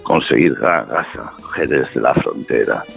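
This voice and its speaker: A man's voice: a bass voice, lively intonation, unhurried, gravelly, a bit bright, soft background music, pitched below the performer's own voice, heavily acted. A man voicing a pompous foreign male train traveler in a joke, speaking in stiff broken phrases and reeling off lists of facts.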